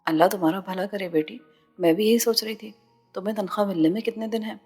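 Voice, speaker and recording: A woman reading as a gentle elderly mother. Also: mid-range voice, breathy edge, in a large hall, faint music behind. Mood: caring. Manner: gentle, caring.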